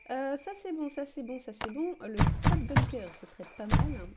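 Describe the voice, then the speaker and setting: A woman streaming a game live, chatting casually with her viewers, greeting them by name and filling pauses with "euh". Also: high voice, expressive, heavy background noise.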